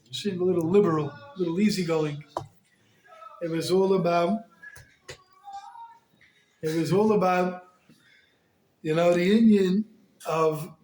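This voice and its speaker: A rabbi giving a Torah class, talking in an animated way and mixing Yiddish and Hebrew terms into his English. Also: high voice, slight background noise. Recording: echoey room.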